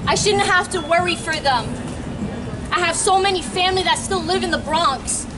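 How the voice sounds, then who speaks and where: A teenage girl from New York giving an earnest, emphatic protest speech outdoors, sometimes pausing and restarting mid-sentence. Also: extremely high pitch. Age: late teens. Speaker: student rally speaker. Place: outdoor plaza at a street rally. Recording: distant outdoor mic, crowd and traffic noise. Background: crowd cheering, traffic.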